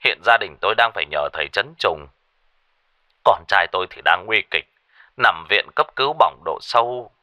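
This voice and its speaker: A man's voice: deep voice, animated, moderate pace, bright, forceful tone, dry recording, clean studio sound, exaggerated voice. A man voicing an anxious older man of a grieving family, speaking politely and with worry. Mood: worried polite. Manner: polite, worried.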